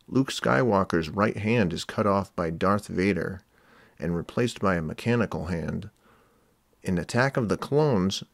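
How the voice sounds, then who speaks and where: A man narrates an analytical essay in a measured, explanatory tone. His voice sits a bit low, and the recording is dry with no room sound. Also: creaky, no room sound.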